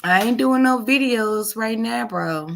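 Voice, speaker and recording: Slow, gravelly woman in her forties. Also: fairly high pitch. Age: 40s. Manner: emphatic and repetitive, addressing viewers directly. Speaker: livestream host. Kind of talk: casual live chat to supporters.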